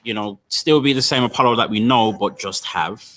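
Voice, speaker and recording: Male co-host, bright voice, affirming and conversational. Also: lowish voice, brisk, low-quality recording. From Jamaican heritage. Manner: affirming, repeats phrases. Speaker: podcast co-host. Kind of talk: casual chat.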